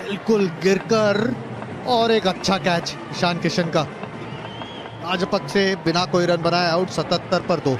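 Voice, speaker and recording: A man's voice: sits high, steady tone, measured pace, music in the background. A man giving live cricket analysis and calling the score. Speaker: cricket commentator. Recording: clear background noise, outdoor ambience.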